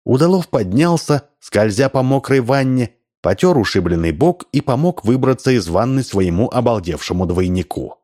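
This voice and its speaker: A man reading a humorous story aloud as narrator, with lively, expressive delivery. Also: mid-range voice, normal speed, hardly any pauses. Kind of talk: audiobook reading.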